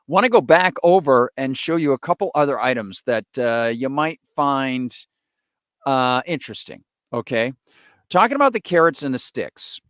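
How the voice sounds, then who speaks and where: A man's voice: medium pitch, a bit bright, smooth, dry recording, clean studio sound. A man hosting a live political stream, reading through a list with sarcastic asides in opinionated commentary. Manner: sarcastic, reads off long lists with asides.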